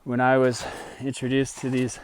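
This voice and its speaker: A man talking casually to his vlog viewers, out of breath and breathing heavily, in halting short phrases. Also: mid-range voice, completely flat delivery, a little hiss or hum. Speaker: video channel host.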